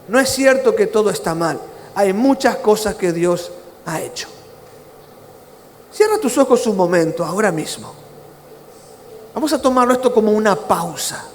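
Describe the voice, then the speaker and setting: A pastor preaching a sermon, swinging from impassioned near-shouting to low, quiet prayer. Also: male voice, a little hiss or hum. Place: church. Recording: reverberant church hall with faint ambience.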